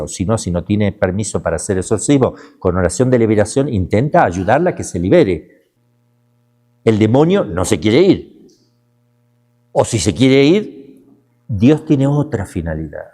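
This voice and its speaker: Male priest-lecturer, low mellow voice, emphatic teaching delivery with repeated words and quick mocking asides. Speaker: priest teaching a demonology course. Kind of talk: lecture class.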